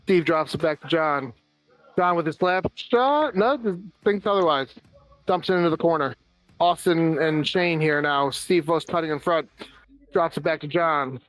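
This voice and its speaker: An American man with a slightly high voice gives a rapid play-by-play of an amateur floor hockey game, rattling off passes and shots with dry asides. The sound is a bit bright with no echo, and faint music runs underneath.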